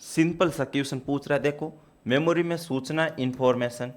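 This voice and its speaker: A man's voice: medium pitch, normal speed. A man teaching a computer exam-prep class, explaining step by step and repeating key points to his students.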